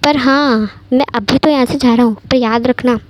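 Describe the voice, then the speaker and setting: A cheeky young man with a teasing, playful way of talking, as a woman reading a fan story puts him on. The voice sits fairly high and bright in tone. A faint hiss runs under the recording. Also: fairly even intonation, normal speed, close to an everyday voice.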